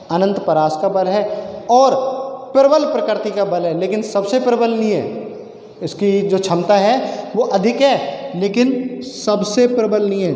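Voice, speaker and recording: A man's voice: high-pitched, dark tone. A male physics teacher giving a classroom lecture, asking questions and answering them himself. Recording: echoey classroom with long reverb.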